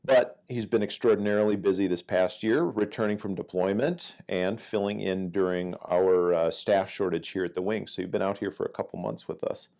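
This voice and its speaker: A middle-aged man hosting an interview, friendly and asking measured questions. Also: deep voice, fairly even intonation, a little mellow. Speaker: interview host. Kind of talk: conversational interview.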